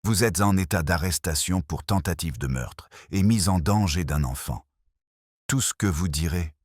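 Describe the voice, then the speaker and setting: A man reading the lines of a brisk police inspector in a storybook tale, in a curt, dry voice. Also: low voice, dry recording. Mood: stern.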